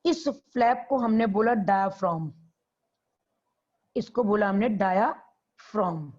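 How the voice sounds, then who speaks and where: A woman's voice: mid-range voice, slow pace, darkish tone. Woman biology teacher with a dull lo-fi sound. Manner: repeats key terms and quizzes students. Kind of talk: classroom lecture. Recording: dull lo-fi classroom recording.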